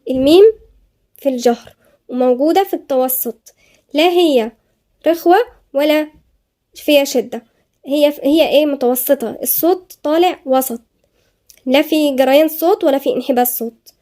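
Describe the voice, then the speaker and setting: A woman with an Egyptian Arabic accent teaching a tajweed lesson, explaining each letter of a verse and slowly reciting it. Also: high-pitched, mellow.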